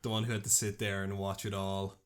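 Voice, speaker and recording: A man's voice: fairly low pitch, little pitch movement, fairly quick. A man with an Irish accent co-hosting a podcast, trading dry quips and laughing often in casual chat. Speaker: podcast co-host.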